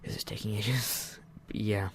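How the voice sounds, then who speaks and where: Male gaming host, casual let's-play chatter, rambling, self-deprecating, low and gravelly delivery. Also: fairly even intonation, unhurried, a little hiss or hum. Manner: rambling and self-deprecating, often muttering asides.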